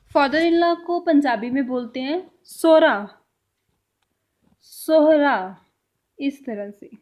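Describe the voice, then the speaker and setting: A young woman teaching a vocabulary lesson, saying each word slowly and repeating it to compare how it is pronounced. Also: high-pitched. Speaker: language teacher. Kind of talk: slow spoken vocabulary lesson.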